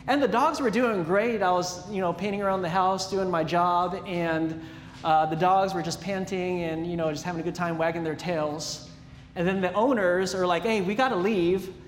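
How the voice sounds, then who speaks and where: A man preaching a sermon and telling a personal story in an animated, self-deprecating way. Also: sits high, moderate pace, a little hiss or hum. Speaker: pastor. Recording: echoey hall with long reverb.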